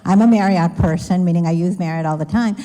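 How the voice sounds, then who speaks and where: A woman's voice: lowish voice, quick pace, mellow. A woman speaker on a business panel giving candid, joking advice to an audience. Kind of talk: panel talk answering a question. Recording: echoey event hall.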